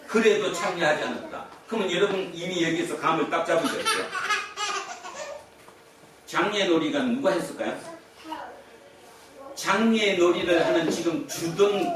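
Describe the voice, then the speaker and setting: A male pastor preaching a Sunday sermon in a conversational way, often putting questions to the congregation. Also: high voice. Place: church sanctuary. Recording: echoey hall from far off.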